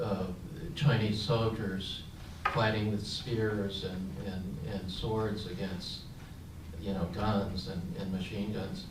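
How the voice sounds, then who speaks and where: This clip features an older man, a San Francisco native, recounting his life as a veteran during a panel, thoughtful in tone and full of fillers and restarts. His pitch sits fairly low. Room noise and echo come through on the distant mic.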